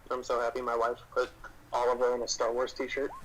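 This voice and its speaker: A man's voice: mid-range voice, completely flat delivery, a little fast, a bit bright, rough recording. Playful guy at a tabletop game, cracking jokes, faint hiss behind. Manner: playful, joking. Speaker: player. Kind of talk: casual game chat.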